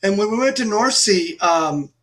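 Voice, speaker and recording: Middle-aged Texan man, high voice, animated storyteller, interview guest. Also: moderate pace. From Texas. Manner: animated anecdotes with lively acted-out quotes. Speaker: guest musician.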